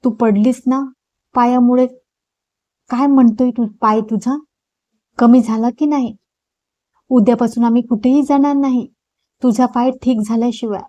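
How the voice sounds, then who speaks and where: A woman's voice: a little high, steady tone, normal speed, long pauses, dark tone, no echo, dull audio, natural voice. A woman voicing a young woman who soothes and apologizes to her friend. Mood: consoling.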